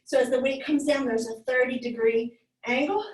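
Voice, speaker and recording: A woman yoga teacher leads a live class with hand weights, calling out moves and counting down the seconds as she works out alongside. Her voice sits a little high and she sounds a touch winded. She is picked up from a distance in an echoey studio. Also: fairly even intonation, moderate pace, a little mellow. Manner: cueing moves, encouraging, slightly winded. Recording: echoey room, voice from far off.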